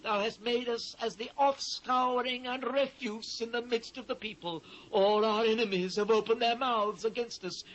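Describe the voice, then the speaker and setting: A British man with an extremely high, fairly even voice plays an anguished biblical prophet lamenting his ruined people in a dramatised scripture reading, speaking at normal speed with few pauses and a bit of brightness. Solemn, declamatory and impassioned, he sounds anguished and pleading. The rough recording, an old cassette transfer, carries faint noise.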